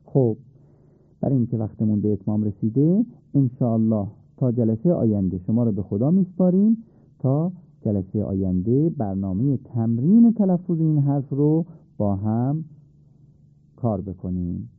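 A patient male teacher walks listeners through how to pronounce a letter, repeating the sound slowly. His voice is of medium pitch. It comes through a narrow, tinny band with a dry, close sound. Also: big pitch swings, dry recording. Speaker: Quran recitation teacher. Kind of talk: radio-style pronunciation lesson.

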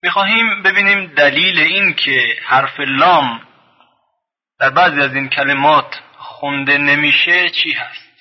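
A man teaching a recorded lesson on reading the Quran. He draws out each example word slowly, then explains briskly. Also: a little high. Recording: dull lo-fi sound with long reverb.

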